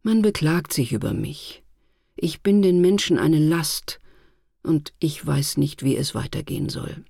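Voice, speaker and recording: A woman voicing a weary, gloomy male Weekday in a storybook, with a subdued, sighing delivery and a husky voice. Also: low-pitched, expressive, a little slow, warm tone, dry recording, studio quality, exaggerated voice. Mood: despairing. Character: weary gray male Weekday personified, gloomy, self-pitying.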